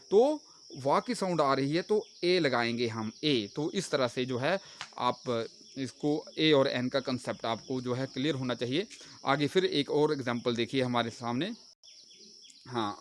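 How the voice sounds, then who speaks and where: Lively man teaching grammar. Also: a little high, slight background noise. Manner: explains step by step, asking and answering his own questions. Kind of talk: grammar lesson.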